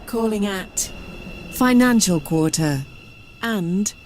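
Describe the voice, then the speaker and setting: A woman's voice reads out train announcements over a station loudspeaker, slow and carefully paced. Her words ring through a long, echoing hall with clear train noise behind. The delivery stays even and measured throughout. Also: medium pitch. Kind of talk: automated railway announcements.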